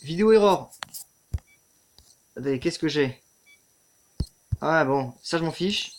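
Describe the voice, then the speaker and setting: Swearing, excitable let's play man. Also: fairly high pitch, slow, slight background noise. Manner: swears a lot, mutters to the game, yelps when startled.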